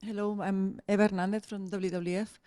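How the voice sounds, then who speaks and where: Woman, mid pitch, audience member asking a question, polite and measured. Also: level tone, dark tone. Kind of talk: conference question from the floor.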